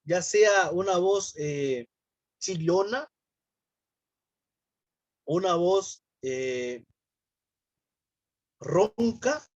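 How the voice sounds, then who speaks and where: High-voiced pastor teaching a speech class. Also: male voice, lively intonation, drawn-out words, pauses often, dry recording, muffled recording. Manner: explains, then acts out sample greetings. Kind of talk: church class lecture with questions.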